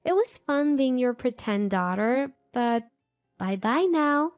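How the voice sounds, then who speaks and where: A cold, spoiled young woman, as a narrator puts her on, dismissive and mocking. The voice is pitched well above the narrator's usual tone and stays slow and mellow. Faint music plays behind her. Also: lively intonation. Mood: scornful.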